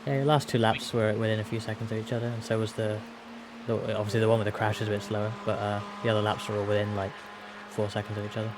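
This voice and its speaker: A man chatting over voice chat, calmly reading out lap times to his teammate. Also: lowish voice, fast. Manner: laid-back, reports lap times plainly. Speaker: teammate watching the race. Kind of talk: casual voice-chat banter. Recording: noisy game-audio background.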